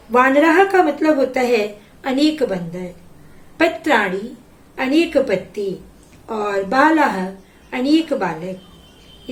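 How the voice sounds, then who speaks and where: A woman teaching a Sanskrit lesson, slowly reading each word and then giving its meaning. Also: on the high side, reverberant. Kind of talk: slow classroom explanation.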